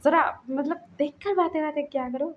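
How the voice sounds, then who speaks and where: Gentle calm young guy, as a woman plays him, soothing, dull lo-fi. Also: high voice, fairly quick, slight background noise, pitched above the performer's own voice, natural voice.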